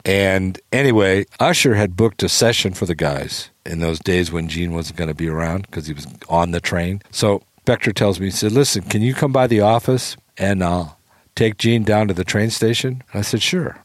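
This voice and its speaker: Man, lowish voice, dry close sound, animated storyteller doing quotes. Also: normal speed, no echo. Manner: animated storyteller, acts out quotes, swears freely. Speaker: storytelling guest. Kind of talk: casual anecdote telling.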